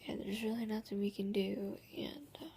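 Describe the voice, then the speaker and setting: A tearful woman talking haltingly and subdued in a personal video diary, her voice hushed and breathy. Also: mid-range voice, a little hiss or hum. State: tearful, crying. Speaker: vlogger.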